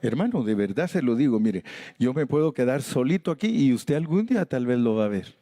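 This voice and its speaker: A man's voice: mid-range voice, sing-song, a little fast, mellow, dry recording. An older man preaching a sermon as pastor, emphatic and acting out conversations with sudden jumps in his voice. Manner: emphatic preaching that acts out conversations, voice leaping up for stress.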